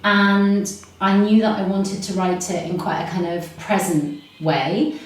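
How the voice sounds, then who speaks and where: Recorded in person in a very echoey room, set back from the mic with faint noise, a woman from London in her forties speaks at a medium pitch and an unhurried pace. As a podcast guest, her reflective answers flow along, full of fillers.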